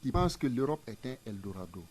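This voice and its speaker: A man's voice: medium pitch, big pitch swings, fairly quick, a little mellow, a little hiss or hum. A man, a museum director explaining his ideas in an interview with emphatic, repetitive phrasing. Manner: emphatic, didactic, repeats phrases in parallel pairs.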